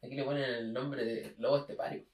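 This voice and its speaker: A man's voice: medium pitch, steady tone, brisk, a little mellow, a little hiss or hum. A young man co-hosting a casual literary podcast, often agreeing with "claro" and reading short passages aloud. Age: young adult. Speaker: podcast co-host. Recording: roomy echo, mic at a distance.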